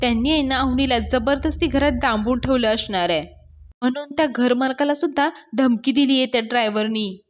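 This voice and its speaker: A woman's voice: high voice, fairly quick, highs cut off, natural voice. A woman voicing a scheming young man who talks in an earnest but put-on emotional way. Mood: accusing.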